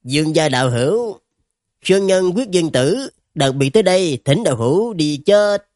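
A man's voice: fairly high pitch, animated, normal speed, a little mellow, dry recording, clean studio sound, pitched above the performer's own voice, natural voice. A man voicing a courteous but deadly male Taoist immortal swordsman, speaking formally and coldly. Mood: cold courtesy.

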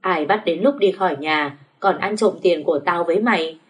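Brief: a woman playing a blunt, mocking sister-in-law, lower voice. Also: moderate pace, close to an everyday voice. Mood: scornful. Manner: scornful, mocking.

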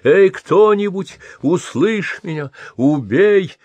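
A man's voice: mid-range voice, measured pace, darkish tone, no room sound. A male reader voicing a grey old exiled prince who pleads and cries out to be killed. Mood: desperate pleading. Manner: pleading, crying out to the heavens. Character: old broken exiled prince, begging for death.

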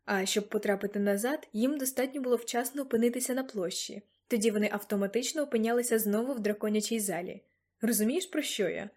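A woman's voice: fairly high pitch, fast talker, darkish tone, close to an everyday voice. A woman reading the lines of an elderly grandfather, earnest and a little guilty, in an audiobook.

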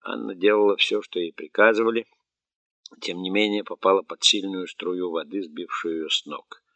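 A man narrating an audiobook in a steady, even reading. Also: low-pitched, normal speed, dry recording. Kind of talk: scripted narration. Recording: dry, dull, muffled recording.

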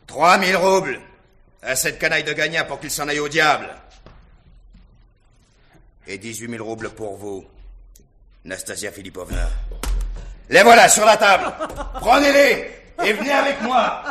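An actor playing a rich, reckless young merchant's son who swings from low mutters to roaring shouts, in a 1960s radio drama. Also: male voice, measured pace, long pauses, slight background noise. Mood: boastful.

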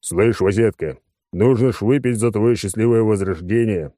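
A man voicing a loud, folksy male spaceship crewman in an audiobook. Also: lowish voice, moderate pace, dry recording, studio quality, lightly acted. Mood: hearty.

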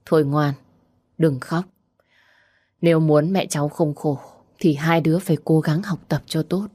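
A woman voicing a gentle old grandmother who speaks in a soft, soothing way, in a storybook reading. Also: deep voice, steady tone, unhurried.

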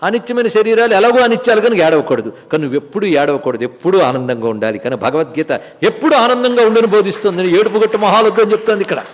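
A man's voice: sits high, animated, fast, big-room sound. A man giving a spiritual discourse on scripture, who explains verses by repeating key words and asking rhetorical questions. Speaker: spiritual teacher. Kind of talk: Bhagavad Gita discourse.

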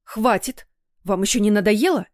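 A woman reading a story voices a flustered, emotional middle-aged mother who chatters rapidly. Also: mid-range voice, expressive, warm tone, no room sound, studio quality, lightly acted. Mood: shrill.

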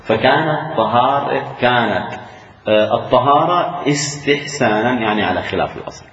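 A man lectures on Islamic law, going through each ruling step by step and repeating the key points. His voice sits at an ordinary pitch. The sound is dull and a little muffled, with a roomy echo around it. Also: expressive, normal speed, fairly bright tone, a little hiss or hum. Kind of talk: lecture on a fiqh text. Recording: echoey dull room recording.

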